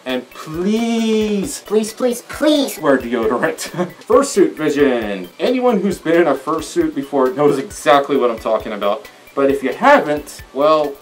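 A man's voice: fairly high pitch, sing-song, measured pace. A man giving casual, earnest how-to advice through a costume head, with little chuckles. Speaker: fursuit guide presenter. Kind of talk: casual instructional talk.

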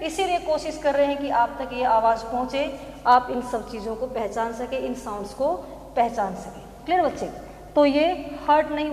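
A woman teaching a phonetics lesson, slowly repeating example words and asking "clear?" after almost every point. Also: fairly high pitch. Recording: echoey hall with long reverb.

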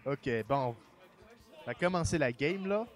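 A man from Quebec who speaks with a French accent, casually commentating a fighting game match in a relaxed, chatty way. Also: fairly high pitch, faint music behind. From Quebec, Canada. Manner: relaxed, chatty, trailing pauses and filler. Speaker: esports commentator.

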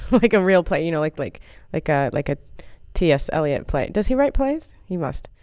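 This is an American woman comedian talking in a casual, rambling way, poking fun at herself and using lots of fillers. Her voice sits a little low and comes across smooth and clear. The recording is close and dry. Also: sing-song, normal speed, a little mellow, no echo. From United States. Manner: rambling, self-deprecating, many fillers. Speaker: comedian guest. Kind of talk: casual interview chat.

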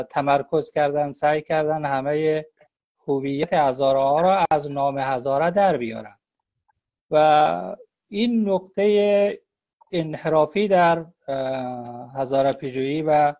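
Hesitant man, slightly high voice, muffled. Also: darkish tone. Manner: halting, with frequent drawn-out "uh" pauses. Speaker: guest scholar. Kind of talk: explanatory talk in a live online interview. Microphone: phone or computer on a live video call. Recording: dull lo-fi livestream audio.

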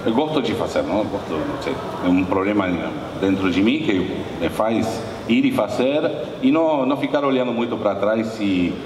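A man with a somewhat low voice and an Argentine Spanish accent speaks Portuguese as a guest on stage, halting, restarting his sentences and dropping in Spanish words. He is heard from far off in a large conference hall, with a long echo and clear audience noise behind him. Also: animated. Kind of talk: conversational stage interview. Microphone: handheld mic, far camera.

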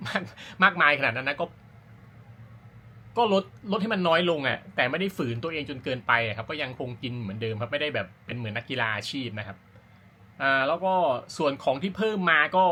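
An amateur runner hosting a running vlog talks casually to camera about his routine, rambling and correcting himself. His fairly high voice is animated and brisk, pushed and bright with a breathy edge.

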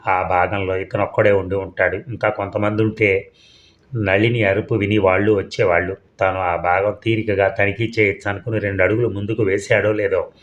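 Narrating a suspense tale from a script, a low-voiced man keeps his delivery steady and measured, with only occasional small slips. The sound is lo-fi.

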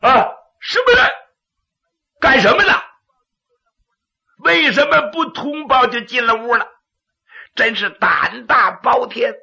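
A male storyteller voicing a greedy, cowardly, blustering county magistrate in a raspy, dramatic voice. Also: sits high, slow pace, bright, forceful tone, muffled recording, heavily acted. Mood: alarmed, indignant. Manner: dramatic, stammering when frightened.

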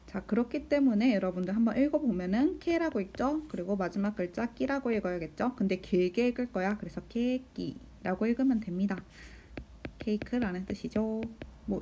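A woman teacher giving a recorded lesson, patiently asking the class questions, answering them herself and counting beats aloud slowly. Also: mid-range voice, mellow, slight background noise. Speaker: Japanese teacher. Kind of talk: recorded school lesson explanation.

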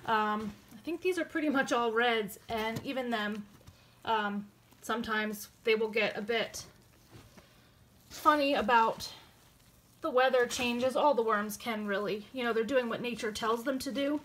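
A chatty young woman with a fairly high voice talks through a casual how-to vlog indoors by her worm bins. She is slightly out of breath and fills pauses with ums as she explains each step. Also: fairly bright tone, slight background noise. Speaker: worm farming vlogger.

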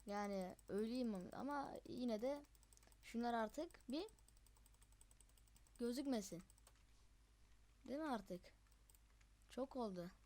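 This young gamer host, medium in pitch, keeps a running, chatty commentary during play. He gets excited easily and yelps at frustrating moments.

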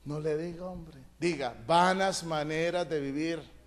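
A male pastor preaching a fiery sermon, emphatic, calling on the congregation to answer back and rising to loud shouted peaks. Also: fairly high pitch, steady tone, unhurried. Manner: emphatic, calls for congregation responses.

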